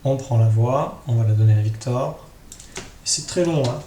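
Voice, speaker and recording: The recording has a roomy echo and faint background noise as a man hosts a casual screen tutorial. Mellow and medium-pitched at a moderate pace, he improvises and thinks aloud, frequently tacking on tag questions.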